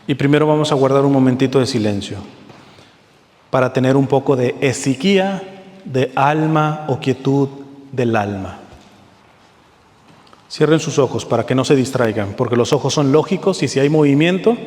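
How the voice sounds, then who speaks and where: A man's voice: mid-range voice, expressive, a little mellow. Earnest man preaching in a hall. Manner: earnest, rising emphasis, slow deliberate readings. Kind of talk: sermon. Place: hall with a seated audience.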